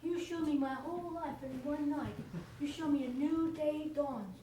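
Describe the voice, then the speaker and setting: Woman as a cheeky charwoman, high voice, chatty, laughing, distant echoey stage recording, faint hiss. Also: moderate pace, dark tone, natural voice. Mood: gleeful. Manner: chatty, laughs often, talks to a silent listener. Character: chatty middle-aged charwoman, cheeky and irreverent.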